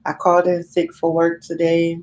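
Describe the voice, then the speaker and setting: Stuffed up with a cold, a woman in her thirties rambles frankly to her live-stream viewers, cursing offhandedly. Her voice is fairly low and darkish, monotone, at a moderate pace.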